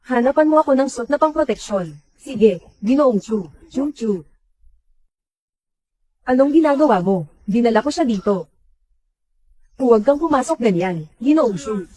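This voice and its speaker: A woman's voice: on the high side, dark tone, no echo, rough recording. A woman voicing every character of a dubbed drama in one plain voice.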